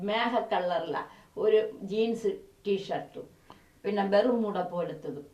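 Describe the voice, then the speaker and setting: A woman's voice: medium pitch, lively intonation, slow, darkish tone. A middle-aged woman, a bereaved mother giving a tearful, pleading interview. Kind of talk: emotional interview testimony.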